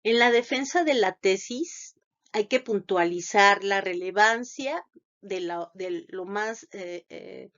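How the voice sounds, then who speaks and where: Slow-talking woman lecturing, lots of ums and restarts, dull lo-fi sound. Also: mid-range voice, fairly bright tone. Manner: halting, many fillers and restarts. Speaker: lecturer on thesis defense. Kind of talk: unscripted lecture.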